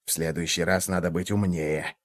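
A man's voice: low-pitched, steady tone, moderate pace, voice pushed down. A man doing a hungry, blustering wolf. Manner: growling, boastful, shouting threats. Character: hungry, blustering male wolf, easily tricked.

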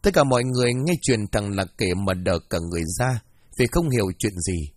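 Husky-voiced male horror narrator. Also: lowish voice, fairly quick, dry recording, clean studio sound. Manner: steady storytelling.

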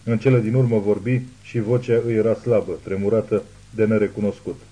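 A man narrating an audiobook thriller in a measured, ominous reading. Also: fairly low pitch, little pitch movement, dark tone, breathy edge, poor audio. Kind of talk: scripted narration.

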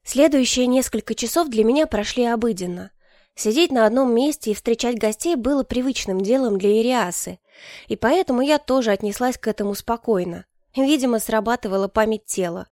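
Brief: woman audiobook narrator, calm and wry, slightly high, dead-dry booth. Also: no room sound. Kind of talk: first-person scripted narration.

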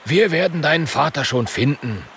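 An actor playing a self-assured merchant in a storybook audio play, speaking confidently with a touch of boastfulness. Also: male voice, on the high side, animated, normal speed, a bit bright, a little hiss or hum.

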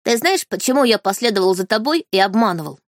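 A woman's voice: mid-range voice, quick pace, no echo, studio quality, natural voice. A woman voicing an aloof boyish sacred beast. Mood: calm. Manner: calm, indifferent, matter-of-fact. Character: aloof male sacred beast in boy form. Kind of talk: audiobook character reading.

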